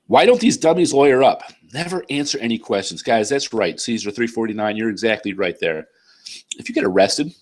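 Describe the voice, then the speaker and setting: A man with a cold and a nasal voice, casually reading and bluntly answering viewer comments on his channel, clearing his throat often. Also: mid-range voice. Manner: blunt, profane, conversational, frequent throat-clearing. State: congested, sick with a cold.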